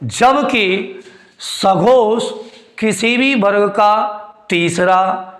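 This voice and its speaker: Male tutor, high voice, quizzing style, roomy echo. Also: extremely slow, fairly bright tone. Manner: repeats points, quizzes students with questions; calls students "beti" and "chhote" fondly. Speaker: Hindi grammar teacher. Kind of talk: classroom lecture.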